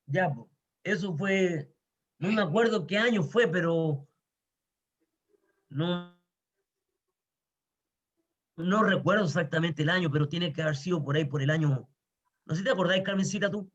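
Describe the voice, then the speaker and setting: A man with a Chilean accent talks in an easygoing conversation, earnest and emphatic, leaning on repeated words. His voice sits a little high. The recording is muffled and lo-fi. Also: normal speed, pauses often, fairly bright tone. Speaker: guest sharing personal testimony. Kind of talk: casual chat. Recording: dull lo-fi recording.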